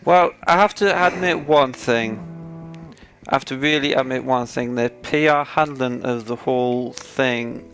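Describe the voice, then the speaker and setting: A man's voice: medium pitch, measured pace, fairly bright tone, soft background music. A man co-hosting a casual gaming chat show, ranting sarcastically and getting worked up about his topic. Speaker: podcast co-host.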